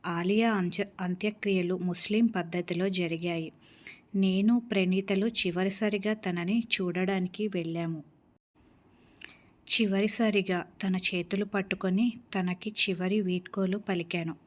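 A woman storyteller narrating a first-person story in a steady, earnest reading voice. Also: medium pitch, a little slow.

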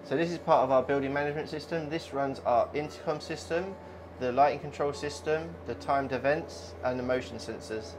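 Here the installer, a man in his thirties, talks a little fast in a mid-range voice. He lays out the installation his company did in a straightforward, instructional manner, like a tradesman's walkthrough.

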